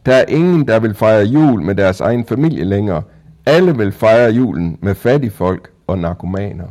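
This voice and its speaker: A man reading a story and voicing a pushy male Christmas-tree salesman who preaches with rising, forceful emphasis. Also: fairly low pitch, animated, close to an everyday voice. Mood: persuasive.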